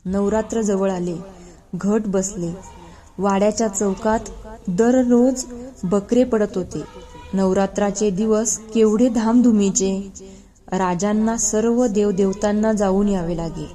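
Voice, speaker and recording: A woman reading a historical novel aloud in a measured storytelling manner. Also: mid-range voice, fairly even intonation, mellow. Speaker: reader.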